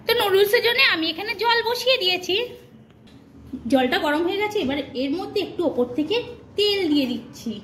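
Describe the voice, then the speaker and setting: Speaking a little fast with a very high, slightly bright voice and lively intonation, a middle-aged woman walks viewers through her home cooking one step at a time, adding casual asides. Sizzling and stirring echo clearly around her kitchen.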